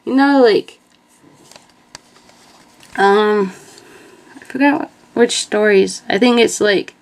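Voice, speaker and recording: A woman's voice: mid-range voice, slow, vocal fry, a little mellow. A young woman chatting casually in a meandering way, filling her talk with "like" as she retells movie scenes. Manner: meandering, heavy use of filler "like". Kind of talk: casual rambling commentary.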